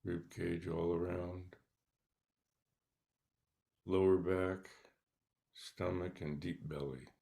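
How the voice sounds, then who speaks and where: A man leading a guided meditation, speaking softly and calmly with long pauses between short instructions. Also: deep voice, creaky. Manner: slow, calm, soft-spoken instructions with pauses. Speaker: meditation teacher.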